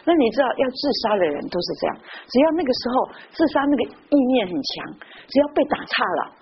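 Fast-talking woman preacher, lo-fi. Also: fairly high pitch, husky. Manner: lively storytelling with frequent interjections. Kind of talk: sermon with personal stories. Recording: muffled lo-fi recording with faint noise.

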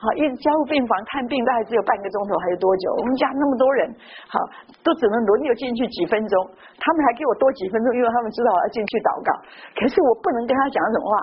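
A woman's voice: on the high side, very fast, breathy edge. A middle-aged woman from Taiwan, preaching a sermon full of personal stories and tagging her phrases with little "ha"s. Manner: lively, tags phrases with "ha". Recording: dull lo-fi with faint hiss.

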